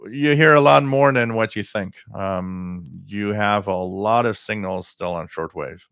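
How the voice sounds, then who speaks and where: A middle-aged man hosting a casual live stream, talking in a halting way with frequent pauses as he reads out viewer comments. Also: fairly low pitch, fairly bright tone, clean tone, no room sound. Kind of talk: casual live stream chat about radio.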